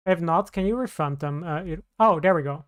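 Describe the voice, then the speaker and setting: A woman streamer chats casually with her viewers, rambling and often restarting mid-sentence. Her voice sits low and sounds smooth and clear. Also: a little fast. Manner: rambling, scattered, with many restarts. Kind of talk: casual live-stream chat.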